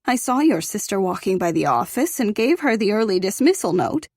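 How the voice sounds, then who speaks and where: A woman voicing a fussy older female school receptionist who chatters primly and quickly. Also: mid-range voice, very animated, a little mellow, no room sound, clean studio sound. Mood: fussing.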